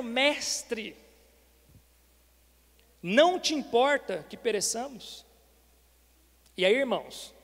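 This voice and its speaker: A man's voice: extremely high pitch, long reverb tail. A man preaching a sermon as pastor, asking rhetorical questions and calling the congregation brothers. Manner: preaching with rhetorical questions, repeatedly addressing "irmãos". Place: church hall.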